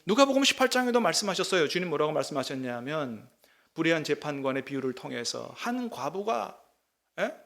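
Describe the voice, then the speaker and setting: A man's voice: on the high side, big pitch swings, fairly quick, creaky, fairly bright tone. A middle-aged male pastor preaching a sermon, emphatic and often putting questions to the congregation.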